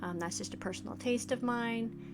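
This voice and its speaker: Here the forties-aged indie developer and let's play host sounds fairly high-pitched at a normal speed, over a noisy background with game music. Her casual first-look commentary is tentative, her thoughts trailing away mid-phrase.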